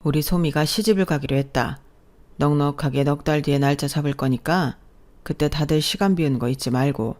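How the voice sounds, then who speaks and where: A woman's voice: deep voice, brisk, a little mellow, natural voice. Woman doing a stern, lecturing old father-in-law. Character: domineering older male professor, bossy father-in-law.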